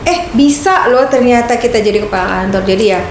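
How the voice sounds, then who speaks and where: Animated woman in an echoey room. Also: fast. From Medan, Indonesia. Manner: animated, with big pitch swings and a proud tone. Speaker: head of the regional land office, guest. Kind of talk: casual podcast interview. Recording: echoey room with background noise.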